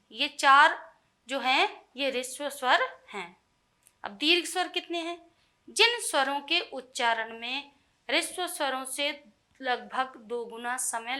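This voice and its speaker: Woman teacher going through grammar step by step, slow and patient, asks the class questions. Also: high-pitched, bright, forceful tone. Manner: slow, explanatory, checks understanding with questions. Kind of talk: online Hindi grammar lesson.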